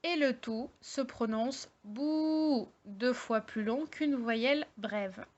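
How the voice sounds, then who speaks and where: Woman teacher, slow hesitant delivery, fairly high voice, dull lo-fi recording. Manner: hesitant, many fillers, explains slowly step by step. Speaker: Arabic teacher. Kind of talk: online language lesson.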